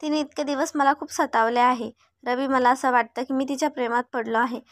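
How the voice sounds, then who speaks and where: Brief: woman reading cocky rich young man, high voice, bragging tone. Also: fairly even intonation, fairly quick, dry recording, clean studio sound, close to an everyday voice. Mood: boastful.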